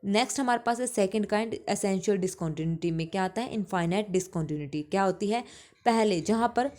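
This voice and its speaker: Woman math teacher, mid-pitched, reads definitions slowly, then restates them, asks and answers her own questions. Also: a little mellow. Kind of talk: exam-prep math lecture.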